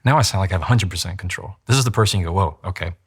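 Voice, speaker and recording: Low-voiced male attorney coaching communication. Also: rapid-fire, breathy edge. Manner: acts out quoted voices, demonstrates pacing. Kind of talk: explanatory interview talk.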